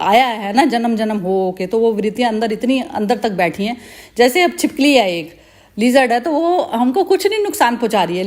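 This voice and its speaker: A woman hosting a spiritual group discussion who laughs often and speaks candidly. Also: fairly high pitch. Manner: laughs often while talking, relaxed and candid. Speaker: session host.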